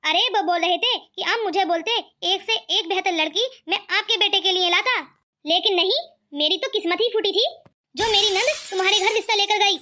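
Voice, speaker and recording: A woman's voice: very high voice, fairly quick, bright, forceful tone. A woman voicing a scheming, greedy middle-aged mother-in-law who scolds and taunts. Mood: scolding.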